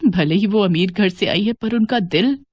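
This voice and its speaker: A woman voicing a widowed older mother-in-law who talks slowly in a lowered voice. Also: a little mellow, no room sound, natural voice. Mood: remorseful.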